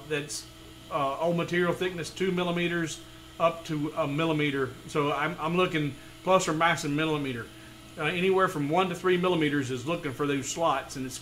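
A man in his forties walking through a woodworking design file step by step, with relaxed explanations and frequent fillers. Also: fairly high pitch, a little hiss or hum, poor audio. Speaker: woodworking tutorial host. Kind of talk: screen-recorded software tutorial. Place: home studio room.

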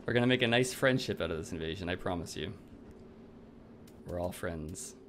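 A man's voice: low-pitched, expressive, moderate pace, fairly bright tone. A man giving casual, slangy and wry commentary as he plays a video game. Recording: clear background noise, game ambience.

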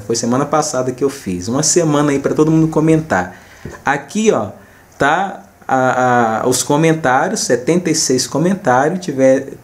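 A Brazilian man with a mid-pitched voice hosts a casual screen recording. He talks informally to his viewers as he explains each step, often repeating his phrases. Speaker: host of a small gaming video channel.

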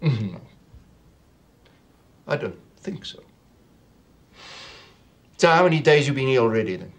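A smug, taunting interrogator. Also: male voice, mid-range voice, big pitch swings, unhurried. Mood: menacing mockery. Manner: mocking, coolly bureaucratic. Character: smug menacing apartheid-era male police interrogator. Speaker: security police interrogator.

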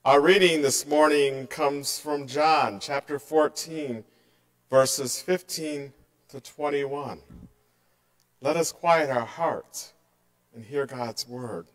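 A middle-aged man delivers a sermon from behind a church pulpit, speaking slowly and earnestly. His voice sits a little high for a man, and it softens as his phrases end. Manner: slow, measured and earnest, voice dropping softly at line ends. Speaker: pastor.

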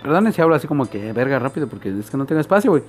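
A young man, reading a game's story out loud with blunt, slangy asides. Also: medium pitch, very animated, racing, faint music behind. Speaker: gameplay video creator. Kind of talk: reading game dialogue and casual asides.

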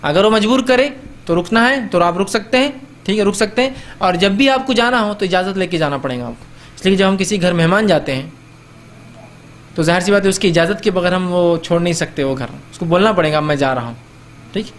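Male religious lecturer, high pitched, chatty delivery that acts out exchanges and keeps checking in with listeners, faint background noise. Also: brisk. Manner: conversational, acts out host-guest exchanges.

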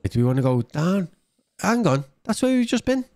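Guy doing casual lets play commentary, bit high voiced, chatty, close desk mic. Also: very animated, fairly quick, darkish tone. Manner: chatty, thinking aloud. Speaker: gaming channel host. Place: indoors at a gaming setup. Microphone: desk microphone, close.

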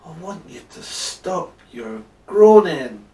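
Man playing patient storybook God, sighing, measured, reproving, slow, echoey room. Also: high-pitched, sing-song, mellow, pitched above the performer's own voice, heavily acted. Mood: patient reproof. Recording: roomy, echoing, distant microphone.

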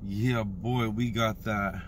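Slangy American man, slightly low voice. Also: steady tone. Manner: slangy, drawn-out hype catchphrases. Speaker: product reviewer. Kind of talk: casual vlog review. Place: inside a parked car. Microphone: phone at arm's length. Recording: noticeable background noise inside a car.

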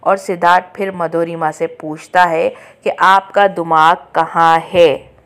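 A woman's voice: lowish voice, fairly even intonation, unhurried, a bit bright. A woman narrating a chatty recap for viewers, retelling quotes in her own voice. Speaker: show update narrator.

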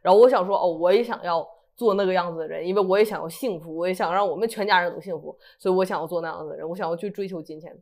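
A woman, telling her testimony in a lively, chatty way. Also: lowish voice, rapid-fire, few pauses. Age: 30s. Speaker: guest sharing a testimony. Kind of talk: casual testimony storytelling.

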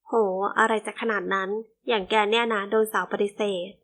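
A woman reading the part of a grumpy, gruff young man who talks bluntly and complains a lot, in an audiobook. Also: mid-range voice, steady tone, a little fast, a bit bright, close to an everyday voice. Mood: grumbling.

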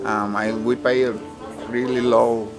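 A middle-aged Cuban-accented man talks outdoors beside his studio, his English halting and full of restarts. His pitch sits mid-range, with clear music playing behind him. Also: flat delivery. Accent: Cuban Spanish. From Cuba. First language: Spanish. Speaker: painter. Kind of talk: casual interview. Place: outdoors at a studio cottage in a park.

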